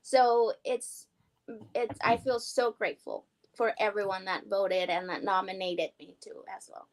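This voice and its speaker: A young adult woman, an award-winning guest, talking excitedly in a casual interview chat. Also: medium pitch, a little slow, low-quality recording. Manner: excited, upbeat, talkative.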